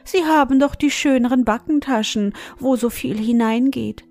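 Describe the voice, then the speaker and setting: A woman's voice: fairly high pitch, moderate pace, a little mellow, lightly acted. A woman voicing a whiny, hungry female mouse who pleads and wails in a storybook reading. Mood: pleading. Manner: wailing, pleading and sobbing.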